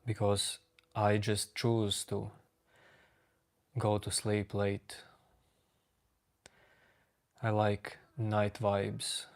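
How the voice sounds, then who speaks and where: Calm flat-voiced man with a Latvian accent. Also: lowish voice. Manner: slow, calm, reading out chat names. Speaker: livestream host. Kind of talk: casual chat with live chat readers.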